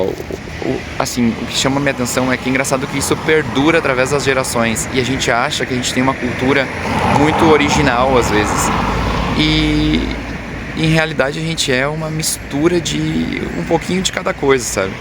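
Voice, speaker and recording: A man with a Brazilian accent chats casually to viewers as a travel vlogger, talking in a hesitant, rambling way at a fairly quick pace and medium pitch. He's outdoors on a city street, and loud traffic and street noise fill the recording.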